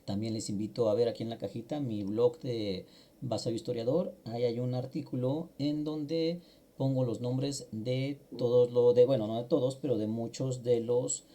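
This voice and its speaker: A man's voice: mid-range voice, fairly even intonation, normal speed, dark tone. A middle-aged man, patiently explaining a language lesson step by step, with small fillers as he goes. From Mexico. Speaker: language teacher. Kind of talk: online grammar lesson.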